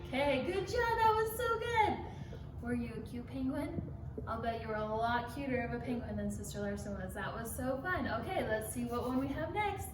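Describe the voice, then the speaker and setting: A woman teaching children songs, speaking gently and encouragingly and singing along. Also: a little high, expressive, moderate pace. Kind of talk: children's music lesson. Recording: echoey room from far off, music behind.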